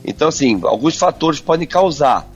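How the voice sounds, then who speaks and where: A man's voice: fairly high pitch, lively intonation, soft background music. A man answering radio interview questions as a urologist, talking over a landline phone and often stopping and restarting. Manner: halting, many filler sounds and restarts. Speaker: urologist guest. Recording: dull lo-fi phone line.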